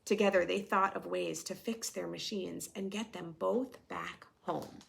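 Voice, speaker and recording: With a low-leaning, creaky yet fairly bright voice, a children's story reader and host reads a storybook at a measured pace and fairly even intonation. She reads expressively for young children, adding chatty questions along the way.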